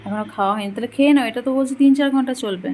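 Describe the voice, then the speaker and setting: A woman with a fairly high voice talks through a casual home vlog. She coaxes and urges a child over and over. She keeps her voice down on purpose, with a faint hum of noise behind her. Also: very fast, darkish tone. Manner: coaxing, repetitive urging while feeding a child. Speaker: vlogger and mother.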